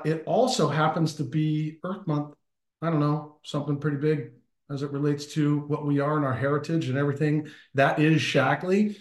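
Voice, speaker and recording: A man's voice: a little high, roomy sound. A man hosting a company video call, enthusiastic and chatty, joking with many fillers, speaking into a computer mic. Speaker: host of a company team call. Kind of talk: upbeat live video call presentation.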